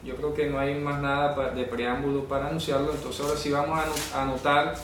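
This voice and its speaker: A man's voice: medium pitch, little pitch movement, quick pace, noisy background. Man lecturing in an echoey room. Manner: explanatory, asks "¿ya?" to check understanding; corrects pronunciation insistently. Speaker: Bible teacher. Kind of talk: classroom Bible lesson. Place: classroom. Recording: echoey room, speaker far from the mic.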